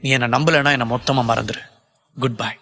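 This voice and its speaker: A man's voice: medium pitch, a little fast, bright, forceful tone, in a large hall, slight background noise. A man playing an earnest, pleading young lover. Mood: firm. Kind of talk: audiobook character voicing.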